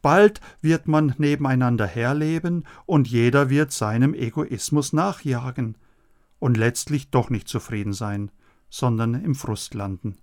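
A man giving a scripted radio sermon, earnest and measured, speaking straight to the listeners. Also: medium pitch, darkish tone. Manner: earnest, measured preaching, addressing listeners directly. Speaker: radio preacher.

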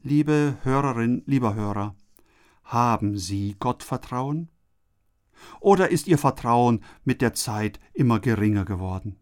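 A man's voice: mid-range voice, expressive, a little slow, darkish tone. A man delivering a scripted radio sermon, speaking earnestly and addressing the listeners directly. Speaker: radio preacher. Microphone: studio microphone.

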